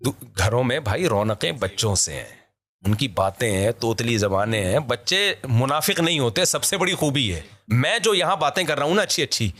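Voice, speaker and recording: A man from Pakistan, a vlogger, talking in a casual discussion as an animated, emphatic storyteller who laughs often. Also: medium pitch, moderate pace.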